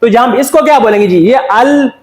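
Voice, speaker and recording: A man's voice: very high voice, expressive, fairly quick, darkish tone, echoey room. A man with a Pakistani Urdu accent, giving a step-by-step classroom lesson and answering his own questions. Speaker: Korean language teacher.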